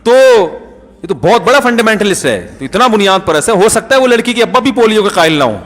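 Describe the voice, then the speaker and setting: Middle-aged Pakistani Urdu-accented male preacher, anecdotal and jokey, fairly high voice, long hall reverb. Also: very animated, fairly bright tone. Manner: jokey storytelling, acts out dialogue. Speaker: Islamic preacher. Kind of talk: conversational sermon with anecdotes.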